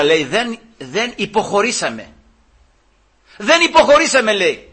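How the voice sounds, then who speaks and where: A man's voice: high-pitched, sharp tone, breathy edge. A man preaching a sermon, telling a story and often addressing the congregation directly.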